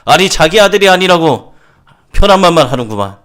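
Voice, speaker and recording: A man voicing a furious middle-aged father who yells rude accusations at a doctor. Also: a little high, sing-song, a little fast, pitched above the performer's own voice. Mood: shouting angrily.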